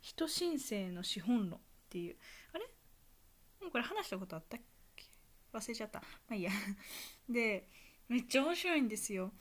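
A young woman with a Kansai accent, talking casually on her own podcast in a soft, rambling way full of fillers. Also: medium pitch. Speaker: podcast host. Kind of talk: casual solo monologue.

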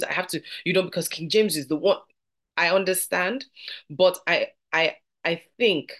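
In a conversational, earnest podcast Bible study, a woman with a lowish voice teaches, slowing down whenever she reads scripture aloud.

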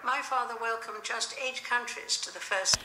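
An actress playing a formal woman giving a measured public address, in a clip played from a series. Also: on the high side, fairly even intonation, bright, forceful tone, reverberant, exaggerated voice, rough recording. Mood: stately.

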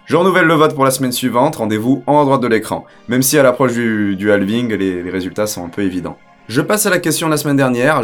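Joking male crypto news host. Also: mid-range voice. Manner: joking asides, upbeat presenter delivery. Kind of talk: weekly crypto news bulletin to camera.

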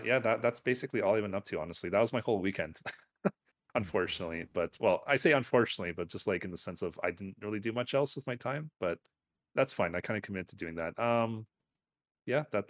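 A man's voice: fairly low pitch, fast talker. A man co-hosting a podcast, chatting casually about games and anime, rambling with lots of fillers and self-corrections. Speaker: podcast co-host.

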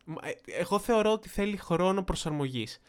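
A young man from Greece telling a casual, chatty story to his viewers and acting out quotes with sudden jumps in pitch. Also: lively intonation, clean tone. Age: young adult. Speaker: vlogger.

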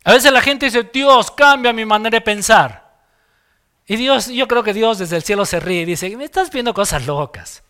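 A man's voice: high voice, fairly bright tone. A man preaching a sermon as pastor, emphatic and acting out little dialogues.

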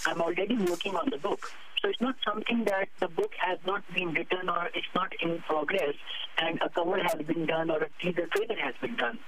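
A high-voiced man with a Pakistani accent speaks as a guest author in a radio interview. He promotes himself, repeating phrases and naming himself in the third person. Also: steady tone, fairly quick, a crowd in the background, low-quality recording.

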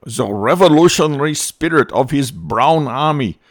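A man's voice: medium pitch, lively intonation, moderate pace, dry recording, studio quality, voice pushed up, natural voice. A man reading out the fervent, declaiming praise of a male propaganda newspaper editor.

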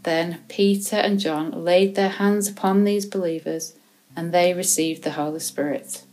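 A woman reading a Bible chapter aloud in a measured, even way, now and then correcting a word. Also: lowish voice, rough recording. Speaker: scripture reader.

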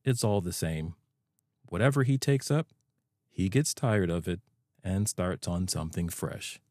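Cheery storybook water rat, sociable and brisk, low dark voice, played by a male narrator. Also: no echo, clean studio sound. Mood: chatty.

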